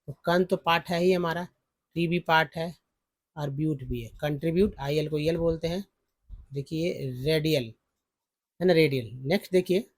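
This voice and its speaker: A man teaching English spelling and pronunciation from slides, repeating syllables slowly and calling viewers friends. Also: on the high side, darkish tone, dry recording. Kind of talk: slide-based phonics lesson.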